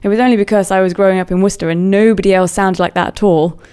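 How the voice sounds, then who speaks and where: A woman's voice: medium pitch, fairly even intonation, racing, dark tone, smooth. A woman with a neutral British accent chatting casually to camera, rambling and self-mocking, trailing off with fillers. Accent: neutral British English. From England. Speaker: vlogger.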